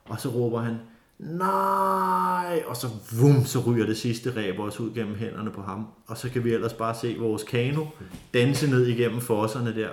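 This is a relaxed, energetic story from a man whose voice sits in the middle range. He stumbles and restarts often, leaning on fillers, and the recording has a roomy echo.

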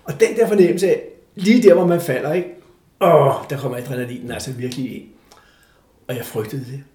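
An older man telling a story from his life in a casual interview, animated, acting out the voices of the people in it. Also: medium pitch. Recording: echoey room.

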